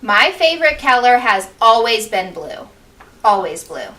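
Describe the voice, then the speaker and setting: A woman's voice: on the high side, big pitch swings, measured pace, pushed and bright. A woman giving encouraging, simply worded interview answers to children, often echoing the question before she replies. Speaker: school staff member being interviewed. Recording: distant mic with faint background noise.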